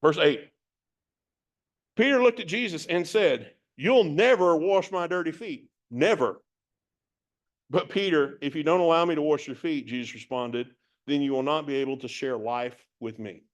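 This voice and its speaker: A man's voice: fairly high pitch, moderate pace. A man teaching a Bible passage verse by verse, reading it from several translations and musing on it in a conversational way.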